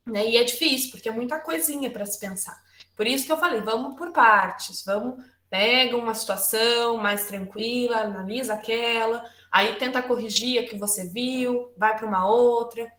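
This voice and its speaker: A woman teaches through a computer mic in a webinar, her voice sitting a little high. She keeps it conversational, restarting phrases and tagging sentences with quick questions. The room around her sounds echoey. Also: a bit bright. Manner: conversational, frequent "né?" tags and restarts. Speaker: lecturer. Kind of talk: webinar lecture.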